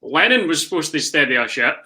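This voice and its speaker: A man's voice: a little high, sing-song, fairly quick, sharp tone. A man chatting casually as a panellist in a football discussion.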